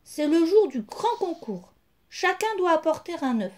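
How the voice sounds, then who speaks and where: A woman's voice: extremely high pitch, big pitch swings, unhurried, darkish tone, voice pushed up, heavily acted. A woman voicing a kindly, sensible red hen who explains things patiently in a children's storybook. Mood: explaining.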